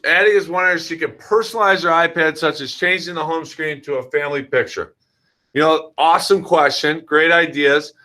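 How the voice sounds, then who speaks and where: A man's voice: a little high, pushed and bright. An American man hosting an informal question-and-answer orientation as a school administrator, speaking directly to parents and children. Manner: addresses parents and children directly, checks in with frequent "all right".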